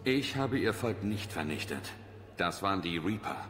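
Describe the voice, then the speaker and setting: Casting: resolute commander, fairly deep, authoritative and curt, for video game dialogue. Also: male voice, lively intonation, normal speed, background noise. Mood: firm, persuading. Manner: terse, authoritative. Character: stern, commanding male military commander, resolute hero. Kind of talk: dramatic video game acting.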